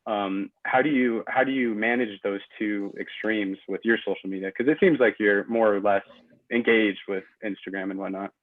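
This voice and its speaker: A man hosting a podcast, asking relaxed, thoughtful questions in casual conversation. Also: lowish voice, moderate pace. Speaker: podcast host. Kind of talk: casual interview chat. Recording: tinny phone-like audio.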